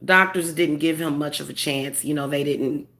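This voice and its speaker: Speaking as a spiritual medium, this woman has a low, slightly bright voice that sounds congested. Her casual monologue is earnest and tender but halting, full of fillers and restarts.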